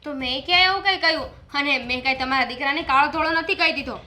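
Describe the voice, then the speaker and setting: A woman's voice: high voice, fast talker, sharp tone. A woman playing a defiant young daughter-in-law. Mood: defensive. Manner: argumentative, defensive.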